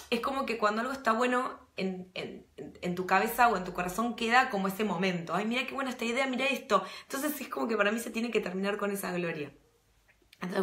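A woman's voice: medium pitch, bright, forceful tone. A woman with a Rioplatense Argentine accent, chatting casually with her audience on a live stream as a book vlogger. Her talk rambles, full of fillers and restarts. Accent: Rioplatense Argentine Spanish. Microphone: phone or laptop mic. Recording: roomy echo.

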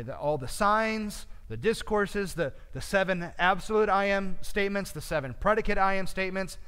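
A man's voice: fairly high pitch, fairly bright tone. A man teaching a midweek Bible study in a church, talking conversationally with frequent fillers, with a long reverb.

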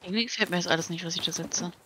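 A woman's voice: lowish voice, rapid-fire, pushed and bright, slight background noise. A woman chatting casually with a co-player during a video game. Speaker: let's play gamer. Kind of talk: casual gaming chat with a co-player.

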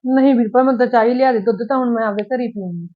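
In a village short film, a woman with a Punjabi accent plays a married daughter visiting her parents' home, complaining in a hurt, aggrieved, emotional way. Her voice is on the high side, racing and lightly acted, with a tinny, phone-like sound.

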